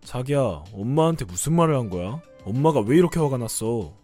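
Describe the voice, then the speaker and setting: A man plays a young husband in a cartoon story drama, defensive and dismissive as he sides with his mother. His voice rises and falls widely, with soft music behind. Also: medium pitch, sing-song, a little fast, natural voice.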